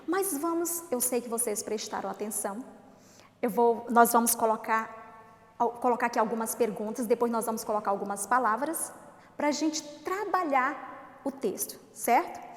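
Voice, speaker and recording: A Brazilian woman teaching a remote lesson to young children. She talks slowly and coaxingly, asking questions and answering them herself. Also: on the high side. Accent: Brazilian Portuguese. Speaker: primary school teacher. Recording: echoey room with long reverb.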